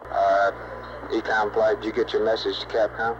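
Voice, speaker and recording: A man's voice: lowish voice, little pitch movement, moderate pace. A man working as a flight director, coordinating a space mission over a radio loop in a businesslike, clipped way. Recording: noisy, dull 1960s mission radio loop.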